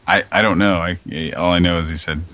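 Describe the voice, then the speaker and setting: A man hosting a casual radio show, hoarse with a scratchy throat, rambling and meandering as he talks. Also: low-pitched, fairly even intonation, fast talker, a bit bright, no room sound. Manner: rambling, meandering, chuckling often.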